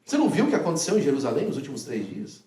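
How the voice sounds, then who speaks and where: A man's voice: fairly high pitch, wildly swooping pitch, very fast, warm tone. A man voicing an exasperated male disciple who fires off incredulous, scolding questions, heard from a distance in an echoey hall.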